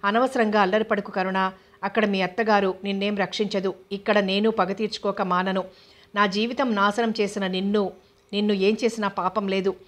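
Woman doing a nasty revengeful young guy in a story, taunting and threatening, pretty flat delivery. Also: medium pitch, normal speed, lightly acted. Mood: menacing taunt. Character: vengeful scheming young man, menacing.

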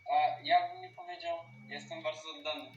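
A woman's voice: low-pitched, wildly swooping pitch, normal speed, muffled recording. A woman playing a sly, gleeful male helper who betrays the family in a Minecraft roleplay, talking in a smug, teasing way. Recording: roomy, distant mic, faint hiss.

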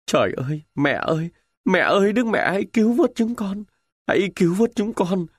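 A man's voice: high voice, expressive, moderate pace, husky, dry recording, studio quality, pitched above the performer's own voice. A man voicing a badly wounded young soldier who wails and sobs in agony, in an audiobook. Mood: anguished. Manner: wailing, sobbing pleas. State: crying.

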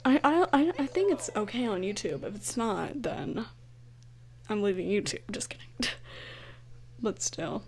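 Slow-talking giggly gamer woman. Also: mid-range voice, sing-song, creaky, a little mellow. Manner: giggly, self-mocking, frustrated outbursts at the game. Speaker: gaming YouTuber. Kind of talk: casual let's-play commentary. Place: home at night, keeping quiet. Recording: game music behind the voice.

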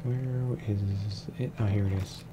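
This gameplay streamer has a fairly low, slightly froggy voice, speaking slowly with fairly even intonation. He mutters laid-back let's play commentary to himself while gaming in his room, and the home recording is clearly noisy.

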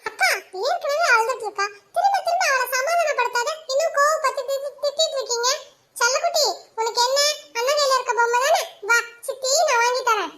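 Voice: extremely high pitch, fairly quick, background noise. Someone doing a patient cartoon aunt. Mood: calm. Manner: calm reasoning.

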